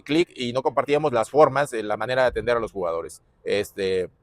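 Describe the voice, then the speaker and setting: A middle-aged man with a Mexican Spanish accent, a former footballer talking casually in an interview, reflective, with pauses and fillers. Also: medium pitch, lively intonation, dry recording.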